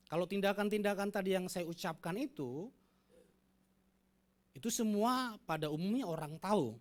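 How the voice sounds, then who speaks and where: A man's voice: high-pitched, darkish tone. A man preaching a Sunday sermon as pastor, conversational and emphatic, leading the congregation in reading aloud together. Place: church service with congregation.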